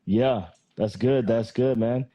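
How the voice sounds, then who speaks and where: A man's voice: mid-range voice, slow pace, mellow, no room sound. A man from Texas hosting a casual podcast interview, laid-back and friendly with lots of filler phrases. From Texas, United States. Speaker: podcast host.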